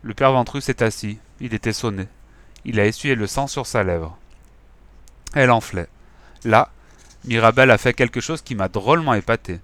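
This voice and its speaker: A man narrates a children's novel with lively, expressive storytelling. His voice is bright and forward, recorded close and dry with no room around it. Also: medium pitch, moderate pace, pauses often, dry recording. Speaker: audiobook narrator.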